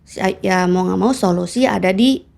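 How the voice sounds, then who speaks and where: A woman talks in an easy, conversational way as a podcast guest. Her voice sits at a middle pitch, and she tells her story with animation, slipping into quoted dialogue and breaking into laughter. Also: moderate pace, vocal fry, a little mellow. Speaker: podcast guest, certified trainer. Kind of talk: casual conversational interview.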